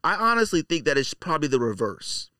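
A middle-aged podcast host rants in a casual show, his bright, forceful voice full of very lively pitch as he fires off slangy, opinionated bursts and repeats points for emphasis. He talks fairly quickly, and the sound is dry and close with no room sound.

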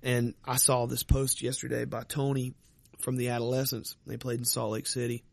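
A man's voice: mid-range voice, flat delivery, moderate pace, gravelly, dry recording. A man in casual profane chat, rambling with lots of fillers and swearing.

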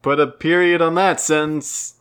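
A man's voice: on the high side, fairly even intonation, normal speed, fairly bright tone, smooth. A young man co-hosting a podcast in casual comedic chat, rambling and self-deprecating. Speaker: podcast co-host.

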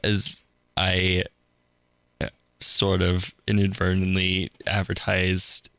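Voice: sits low, monotone, slow, gravelly, a bit bright, no echo. A young adult co-hosting a college radio podcast in casual chat, laid-back with dry quips. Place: radio studio.

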